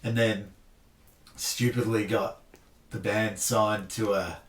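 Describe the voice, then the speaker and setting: A man's voice: lowish voice, flat delivery, takes it slowly, recorded from a distance. A laid-back Australian man talks in a loose, self-deprecating way, dropping "like" all through his sentences. He sits a bit back from the mic, and the room gives his voice a noticeable echo. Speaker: podcast guest. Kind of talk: casual chat. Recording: roomy sound, off-mic.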